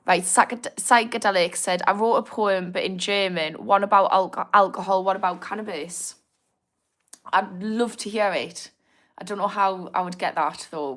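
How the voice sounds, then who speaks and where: A young woman from Newcastle, England, with a Geordie accent, hosts a casual livestream about addiction recovery. Her mid-pitched, slightly bright voice stays chatty and informal as she reads viewer comments aloud and laughs easily.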